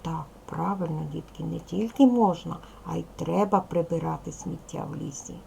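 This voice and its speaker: A woman teacher leads a video lesson for small children, asking simple questions and praising their answers patiently. Her voice has a strong gravelly fry, and a faint hiss of room noise sits behind it. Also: on the low side, mellow, low-quality recording. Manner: reads a poem aloud expressively. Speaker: primary school teacher.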